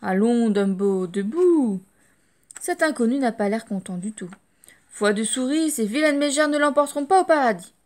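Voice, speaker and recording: A woman's voice: on the high side, expressive, a little mellow, lightly acted. A woman voicing a small, plucky, cocky male mouse in a storybook. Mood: rousing. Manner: bold, brisk and cheeky.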